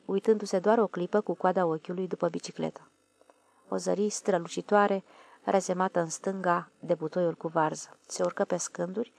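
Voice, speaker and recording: A woman reading a literary audiobook in a calm, measured way. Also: on the low side, vocal fry. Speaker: audiobook narrator.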